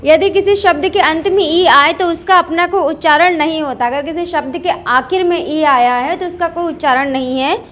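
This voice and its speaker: A woman's voice: high voice, normal speed, hardly any pauses, fairly bright tone. A woman teaching a pronunciation lesson, reading rules aloud and drilling word lists. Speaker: English teacher. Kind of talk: slow classroom-style pronunciation lesson.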